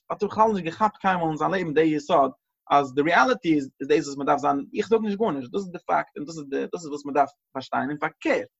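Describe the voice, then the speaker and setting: A man teaching a religious lesson, halting and repeating phrases and mixing in English words. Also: high-pitched, a bit bright. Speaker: Torah teacher. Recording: dull lo-fi recording.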